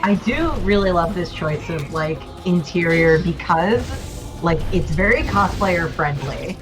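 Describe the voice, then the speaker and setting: A woman's voice: lowish voice, expressive, unhurried. A woman chatting casually as co-commentator on a video game playthrough. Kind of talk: casual chat over gameplay. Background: game music.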